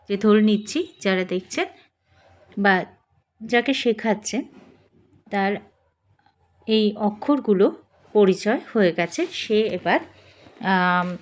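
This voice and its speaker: Female teacher, unhurried delivery, patient, sounds out every syllable carefully. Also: mid-range voice. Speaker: Bengali spelling teacher. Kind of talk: slow instructional lesson.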